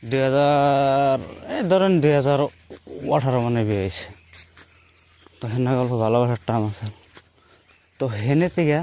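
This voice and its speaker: Recounting personal experiences in the rural Bengali dialect of Assam, a young man speaks in a warm, mid-range voice. He wanders as he talks, returning to earlier points to repeat or reword them.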